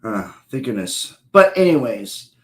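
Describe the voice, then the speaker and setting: Slow-talking man in his thirties from Ohio. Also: mid-range voice, big pitch swings, roomy sound, slight background noise, poor audio. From Ohio, USA. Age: 30s. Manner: loose, profane, talks straight to chat. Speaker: streamer. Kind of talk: casual live-stream chat with viewers.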